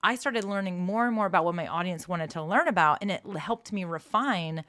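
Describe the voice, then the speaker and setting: Lower-voiced woman explaining streaming tips. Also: lively intonation, brisk, a bit bright, dry recording, clean studio sound. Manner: earnest, explanatory. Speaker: live streaming co-host. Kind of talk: casual advice chat.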